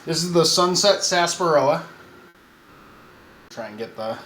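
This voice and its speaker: A man streaming a casual taste test, chatting in a relaxed way and thinking aloud with frequent fillers. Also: fairly high pitch, normal speed. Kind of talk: casual live-stream chat. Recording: roomy with faint background noise.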